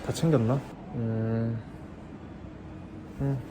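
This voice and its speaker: A man's voice: mid-range voice, steady tone, extremely slow. A man talking casually to himself in a vlog, muttering under his breath. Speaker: vlogger. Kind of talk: casual vlog self-talk. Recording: clear background noise.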